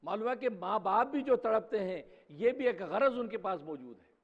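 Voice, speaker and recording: A man's voice: high-pitched, expressive. A man preaching a Friday sermon in a mosque, speaking emphatically and posing rhetorical questions. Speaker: preacher, mufti. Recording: dull sound with long hall reverb.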